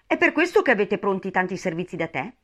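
A woman's voice: mid-range voice, very animated, fast, a bit bright. A woman voicing a polite, curious young girl. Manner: earnest, cautious.

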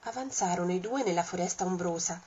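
A woman reading a rhyming children's story aloud in a lively, rhythmic, expressive way. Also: fairly low pitch, fast talker, slightly rough. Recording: dull lo-fi sound.

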